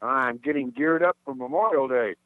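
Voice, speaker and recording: A man's voice: medium pitch, moderate pace, no room sound. A man talking over the phone as a caller, cheerful and chatty before reading his poem. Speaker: caller and poet. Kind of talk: cheerful chat and poetry reading. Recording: tinny phone line.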